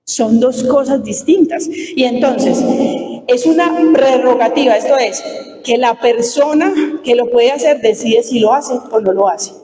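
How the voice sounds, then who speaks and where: Colombian woman lawyer, mellow lecturing voice, emphatic, distant roomy hall sound. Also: a little high, unhurried. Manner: emphatic, asks the audience questions. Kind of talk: lecture to a live audience.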